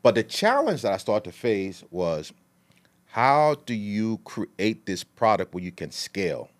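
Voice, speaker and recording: Speaking in a lowish voice at a measured pace, this Liberian food entrepreneur is very animated as he recounts his story on a podcast. He is middle-aged and rambles casually, using plenty of street slang.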